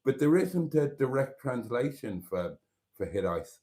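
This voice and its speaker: Here a Welsh host, native to the Welsh language and from Wales, rambles through casual live stream chat with plenty of fillers and false starts. His mid-range voice is warm and sing-song, and he takes his time.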